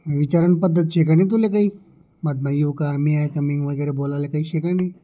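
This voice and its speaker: In a comedy cartoon, a man plays a stern village schoolmaster with a Khandeshi Ahirani accent, scolding in a sarcastic, bossy way. His natural voice sits on the high side with fairly even intonation and a fairly quick pace, and the audio sounds dull.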